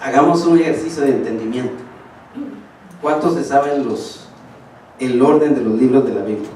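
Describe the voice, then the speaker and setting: A man's voice: mid-range voice, normal speed, darkish tone, slight background noise. A man preaching a sermon, speaking emphatically and addressing his congregation directly. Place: church hall. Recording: echoey hall, distant mic.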